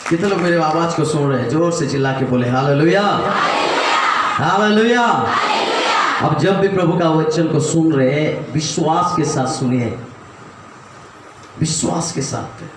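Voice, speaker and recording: A man's voice: on the high side, moderate pace, recorded from a distance, very noisy. A man preaching a sermon as pastor, leading the congregation in call and response. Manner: call-and-response preaching, urging the crowd to shout. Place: church hall. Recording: echoey hall, mic from afar.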